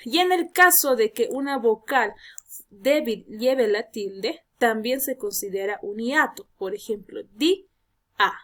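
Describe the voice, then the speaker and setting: A woman's voice: fairly high pitch, fairly bright tone. A woman teacher, giving a recorded grammar lesson, explaining patiently, repeating key points and speaking to her students with rhetorical questions.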